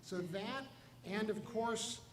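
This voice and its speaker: A man's voice: high-pitched, takes it slowly, a crowd in the background. A man presenting an award at a ceremony, reading a plaque aloud in a formal manner. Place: banquet hall. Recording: echoey hall, faint ambience.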